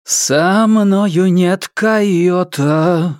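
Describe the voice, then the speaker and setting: A man's voice: fairly high pitch, sing-song, unhurried, no room sound, studio quality, pitched above the performer's own voice. A man doing a teasing, playful detective. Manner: ironic, joking, sometimes singing. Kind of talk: audiobook character voice.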